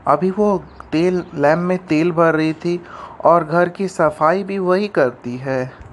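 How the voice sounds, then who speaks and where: A man voicing a fretful, adoring young man in an animated story, fussing over the woman he loves. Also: fairly high pitch, slow pace, a little hiss or hum.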